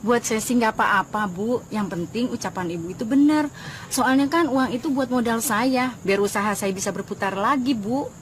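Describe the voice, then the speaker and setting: A woman's voice: fairly high pitch, moderate pace, slight background noise, lightly acted, poor audio. Woman playing a polite but firm creditor. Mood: patient, firm. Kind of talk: TV film drama acting.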